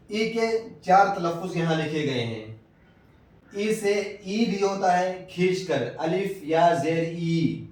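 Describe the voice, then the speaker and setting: A man giving a step-by-step English lesson, sounding out example words slowly and deliberately. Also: sits high, distant mic. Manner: slow and deliberate, drawing out example words one by one. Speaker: English teacher. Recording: very echoey room, a little off-mic.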